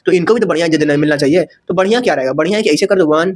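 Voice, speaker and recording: A man's voice: a little high, very fast. A man. He talks in a chatty way, throws rhetorical questions at his students and corrects himself as he writes. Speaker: teacher. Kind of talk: casual chalkboard lecture.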